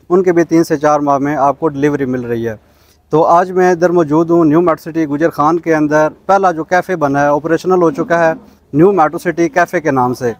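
Recorded dry on a lapel mic outdoors before a small cafe storefront, a man with a Pakistani accent hosts a property channel vlog, presenting and interviewing. His somewhat high voice is polite and promotional, with English words mixed in.

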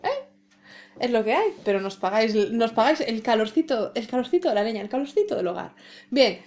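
A woman's voice: a little high, big pitch swings, fairly quick, a little mellow. A woman from Spain with a Spain Spanish accent co-hosting a podcast, chatting casually, joking, swearing freely and acting out scenes. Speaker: podcast co-host. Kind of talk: casual chat.

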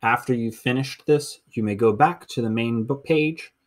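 Recording an instructional screencast, a middle school teacher in his thirties with an American accent guides listeners through a lesson step by step and counts aloud. The voice is medium in pitch and moderate in pace.

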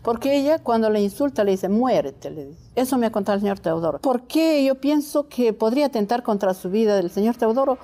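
Mellow-voiced woman giving insistent testimony. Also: a little high, animated, fast, hardly any pauses. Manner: insistent, repetitive, with hesitant restarts. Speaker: lawyer and neighbor, show guest. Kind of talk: testimony on a talk show.

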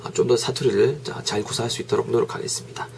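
A man's voice: mid-range voice, steady tone, fast talker, creaky, a little mellow, slight background noise. A man teaching a casual lecture with a Gyeongsang accent. He talks in a jokey, chatty way and drills pronunciation by repeating words. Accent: Gyeongsang Korean. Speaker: English teacher. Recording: podcast lecture audio.

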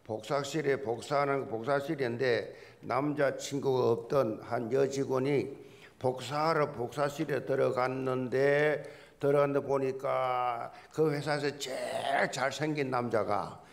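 A man's voice: mid-range voice, creaky. A man preaching a sermon as pastor, telling jokes and folksy stories and repeating key words for emphasis. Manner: folksy, joking storyteller.

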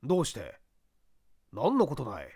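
A woman voicing a calm, educated gentleman who asks measured, gentle questions. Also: very deep voice, slightly rough, no echo, clean studio sound, voice pushed down, exaggerated voice.

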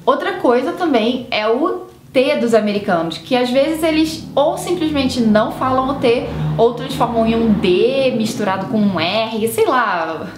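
A woman's voice: a little high, noisy background. A young Brazilian woman in her twenties with a Brazilian Portuguese accent, hosting a casual English lesson in a chatty, reassuring way. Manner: chatty, reassuring, with tag questions. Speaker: English teacher and video host. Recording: roomy echo.

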